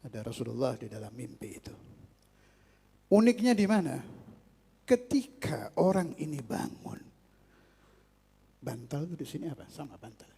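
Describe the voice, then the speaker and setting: A man preaching a religious sermon, moving from quiet teaching to loud, fervent exhortation. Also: fairly high pitch, very animated, moderate pace, gravelly, pauses often, breathy edge, long reverb tail.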